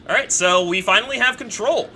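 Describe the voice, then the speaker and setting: A woman's voice: medium pitch, a little fast, sharp tone, a little hiss or hum. A woman streaming a video game, teasing her co-host and chatting casually. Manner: teasing, self-deprecating. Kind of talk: let's play commentary.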